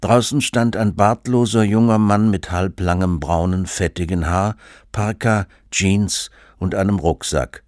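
A man's voice: low voice, a little slow, a little mellow, dry recording, clean studio sound. A man reading his humorous book aloud in an ironic, mock-solemn way.

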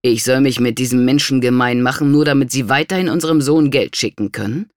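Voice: medium pitch, expressive, a little fast, dry recording, studio quality, natural voice. A narrator doing a bitter, weary nobleman. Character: worried indebted nobleman, bitter.

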